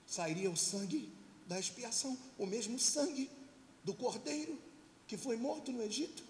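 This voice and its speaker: High-voiced preacher in echoing church. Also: male voice, normal speed, a little mellow. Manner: emphatic, leads call-and-response. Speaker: pastor. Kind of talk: sermon. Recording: reverberant church hall, faint hiss.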